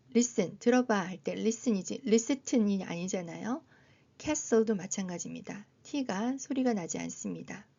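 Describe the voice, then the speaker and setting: A woman teaching English phonics to adult learners, patiently explaining in Korean and modeling each English word slowly. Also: medium pitch, darkish tone. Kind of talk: slow, careful phonics lesson. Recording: dull, slightly lo-fi sound.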